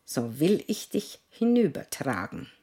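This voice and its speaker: A woman voicing a sly, easygoing male pig in a storybook tale, grunting and slow. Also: low-pitched, big pitch swings, warm tone, breathy edge, heavily acted.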